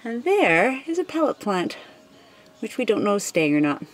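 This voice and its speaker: A woman's voice: fairly high pitch, moderate pace, soft background music, rough recording. Woman narrating a casual house tour. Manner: relaxed, pointing things out room by room. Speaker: homeowner giving a house tour. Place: unfinished house under renovation, indoors. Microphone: handheld camera, filming while walking.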